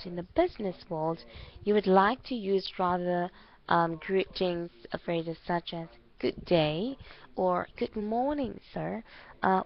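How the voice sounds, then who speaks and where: A woman's voice: mid-range voice, creaky. Woman language teacher, encouraging and explanatory, often checking understanding, on slightly dull, lo-fi audio. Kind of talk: giving spoken feedback in an online English lesson. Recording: muffled lo-fi online call audio.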